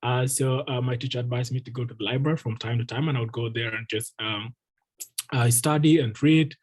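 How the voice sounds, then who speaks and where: A man in his twenties from Ethiopia, a guest speaker and refugee advocate, earnestly recounts his life story on a video call for an online meeting, with many ums and uhs. His voice is medium-pitched, fairly even and fairly quick, and the sound is slightly rough.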